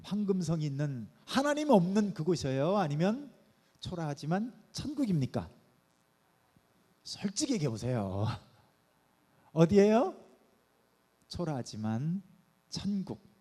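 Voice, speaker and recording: A man's voice: on the high side, very animated, measured pace, pauses often, warm tone. A middle-aged male pastor preaching a midweek sermon, asking the congregation questions and coaxing them with playful asides. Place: church sanctuary. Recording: long reverb of a church hall.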